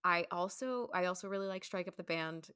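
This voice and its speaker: A woman with a fairly low, bright voice and a forceful, clean tone talks a little fast as a podcast guest and stage performer. She's emphatic and chatty in casual conversation, sprinkling in "like" often, in a dry recording with clean studio sound.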